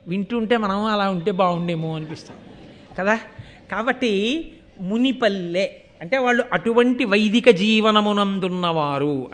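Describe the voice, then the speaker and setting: A man with a Telugu accent giving a devotional discourse, telling a scriptural story, moving between soft asides and loud emphatic declarations and sometimes chanting verses. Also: sits high. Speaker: religious discourse speaker.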